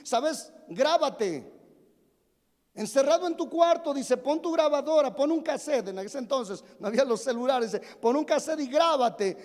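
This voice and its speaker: An extremely high, slightly mellow voice speaks animatedly but a little slowly. It's a pastor in his forties preaching in a church sanctuary, telling comic stories about himself and questioning the congregation amid long hall reverb.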